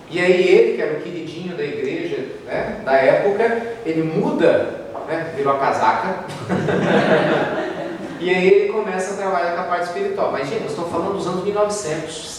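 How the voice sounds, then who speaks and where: A man from Brazil with a Brazilian Portuguese accent, giving a spiritist talk as a lively storyteller in a large lecture hall. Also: sits high. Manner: lively storyteller, acts out quoted voices. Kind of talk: spiritist talk with told stories. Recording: echoey hall, distant mic, faint noise.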